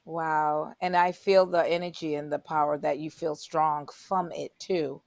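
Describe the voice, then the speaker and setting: A woman's voice: low voice, flat delivery, unhurried, darkish tone, no room sound. A woman hosting a talk show, reacting in an effusive, exclamatory way. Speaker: host. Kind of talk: casual interview chat.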